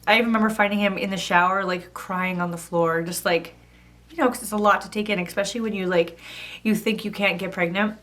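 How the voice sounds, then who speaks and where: A woman's voice: mid-range voice, steady tone, fast, a bit bright. A thirty-year-old woman vlogging, telling a personal story in a chatty, casual way with lots of "like". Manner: chatty, fillers of "like" throughout.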